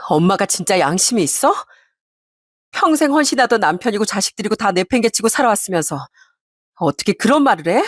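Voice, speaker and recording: A woman's voice: medium pitch, sing-song, a little fast, dry recording, clean studio sound. A woman voicing a young doctor and bride-to-be who pleads and cries out in tearful outbursts. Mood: crying anger. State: crying.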